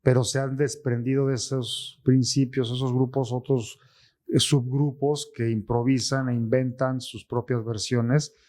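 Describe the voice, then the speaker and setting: A man's voice: mid-range voice, little pitch movement, measured pace, a little mellow. A man hosting an interview, asking long probing questions that often end with a tag question. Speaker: interview host. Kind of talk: conversational interview.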